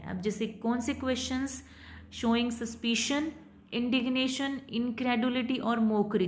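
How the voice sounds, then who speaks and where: A woman teacher giving an online lecture in a mix of Hindi and English, reading out slow example sentences with exaggerated rises and falls. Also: medium pitch. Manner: mixes Hindi and English, reads examples slowly with exaggerated tones. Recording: roomy echo.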